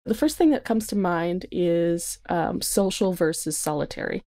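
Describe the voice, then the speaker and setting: Here the same kind of guest, a female insect research technician, chats through topics with casual, self-aware geekiness. She speaks at a fairly low pitch and moderate pace, her intonation lively and her tone warm, over background music.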